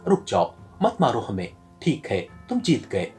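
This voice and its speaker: A man voicing a defeated woman agency chief, speaking quickly and pleadingly in an audio novel. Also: fairly low pitch, wildly swooping pitch, a little mellow, soft background music, pitched below the performer's own voice.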